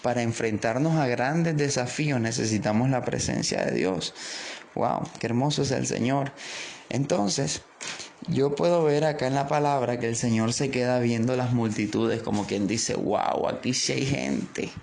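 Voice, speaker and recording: A man's voice: mid-range voice, normal speed, gravelly, darkish tone, slight background noise. A man with a Colombian coastal accent preaching a devotional, fervent and repetitive, stretching out key words for emphasis. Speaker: pastor.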